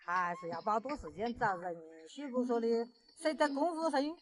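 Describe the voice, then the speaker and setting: A woman's voice: on the high side, very animated, normal speed. A woman of about seventy from rural Sichuan, chatting casually in Sichuan dialect with plain, colloquial short answers. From rural Sichuan, near the Guizhou border. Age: around 70. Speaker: villager being interviewed. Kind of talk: casual chat.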